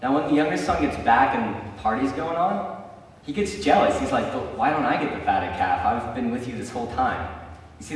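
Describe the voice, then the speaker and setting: There's a little hiss or hum on this far-off, echoey church-hall recording. It features a young preacher with a mid-range voice speaking casually in the sanctuary, weaving stories into his sermon with lots of ums and likes.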